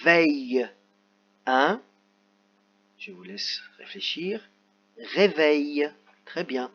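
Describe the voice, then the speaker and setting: A man teaching a reading lesson to young children, sounding out letters and stretching words slowly. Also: a little high, fairly bright tone. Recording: slightly dull lo-fi sound.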